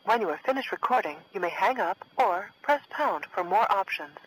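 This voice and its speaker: A man's voice: high-pitched, normal speed. Man's automated answering machine prompt. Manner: even, formal. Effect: answering machine system prompt. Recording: noisy phone line.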